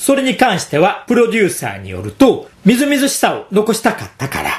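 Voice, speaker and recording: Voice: medium pitch, wildly swooping pitch, quick pace. A program host giving scripted commentary and explanations, laughing now and then between remarks.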